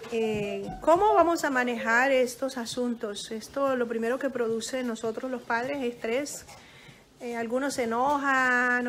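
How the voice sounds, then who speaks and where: A woman who is a parent calmly giving advice to other parents in a casual talk, speaking gently with many pauses and restarts. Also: sits high, a little hiss or hum. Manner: teacherly, checks in with "¿ok?".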